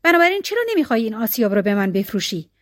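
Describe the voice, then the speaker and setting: A woman's voice: a little high, very animated, no echo, clean studio sound. A woman putting on a pushy greedy rich brother. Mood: reproachful. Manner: insistent, wheedling.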